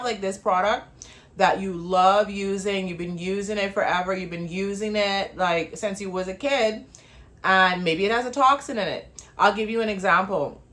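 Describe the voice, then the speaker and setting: A woman from the Bahamas, hosting her own show and talking casually, chatty and laughing, with quick asides. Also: medium pitch, fairly bright tone. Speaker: host. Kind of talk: casual talk-show monologue.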